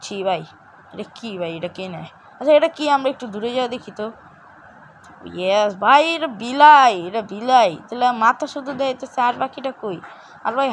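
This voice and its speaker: A young woman, hoarse, giving excitable gameplay commentary for her gaming channel. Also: a little high, slight background noise. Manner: excitable, exclaiming at each find.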